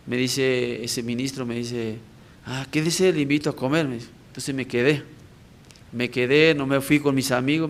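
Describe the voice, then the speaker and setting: A man's voice: medium pitch, slight background noise. Male evangelist, church prayer service, conversational testimony, keeps checking in with listeners. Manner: conversational, with frequent tag questions to the congregation.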